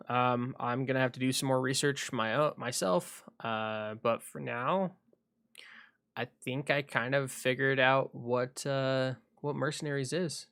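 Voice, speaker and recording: A man chatting casually on a solo livestream, rambling and thinking aloud with frequent pauses, at home at his computer. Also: mid-range voice, a bit bright, no room sound, clean studio sound.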